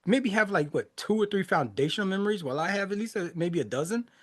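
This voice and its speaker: A podcast host in his forties who reacts to music, born in Haiti and raised in the United States, talks casually and reflectively, laughing often. He's loose and conversational, with many restarts and fillers. His voice is high, expressive, a bit bright and quick-paced.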